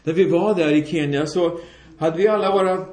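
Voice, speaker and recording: A man delivers a sermon in a slightly high voice, acting out the voices in his stories as he goes. The sound is roomy, with echo from the hall around him. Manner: animated storytelling, acts out quoted voices. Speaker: preacher. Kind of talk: sermon with storytelling. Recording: echoey room.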